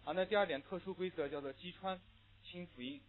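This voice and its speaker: A male English teacher gives a classroom lecture on linked sounds in listening tests, with "ah" fillers and slow repeat-after-me drills. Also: sits high. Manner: explains rules with frequent "ah" fillers, then models words slowly. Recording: tinny phone-like audio.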